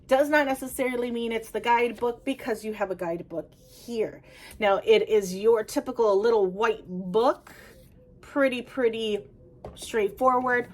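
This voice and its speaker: A woman reviewing a tarot deck in a casual, chatty way, talking straight to her viewers and correcting herself as she goes. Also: fairly high pitch. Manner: chatty, self-correcting, talks to viewers directly. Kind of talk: casual review and flip-through.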